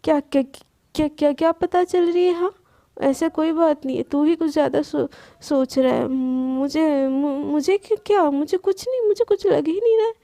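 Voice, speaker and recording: A woman's voice: high-pitched, steady tone, measured pace, dark tone. A woman voicing a flustered young woman who keeps stammering and angrily denies being in love. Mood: flustered, defensive. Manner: stammering, panicky and defensive.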